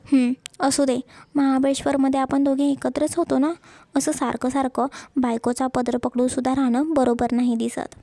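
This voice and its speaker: A woman voicing a shy young wife who gently scolds her husband in a romance story. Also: high voice, little pitch movement, normal speed, no room sound. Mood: scolding. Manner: coaxing, mildly scolding.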